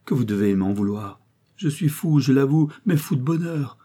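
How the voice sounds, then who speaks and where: A man's voice: medium pitch, animated, normal speed, dark tone, breathy edge, pitched above the performer's own voice. A man voicing a poor young baronet who passionately declares his love in a read-aloud novel, in a pleading, ardent way.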